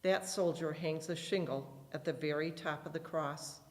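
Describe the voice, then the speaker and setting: A reader narrating a grave, deliberate retelling of an execution in a church. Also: medium pitch, steady tone. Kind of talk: dramatic scripture narration. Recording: long church reverb.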